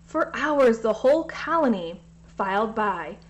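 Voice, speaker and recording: A woman reading a children's story aloud in a gentle way, sometimes speaking directly to the kids. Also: a little high, expressive, a little slow, dull audio.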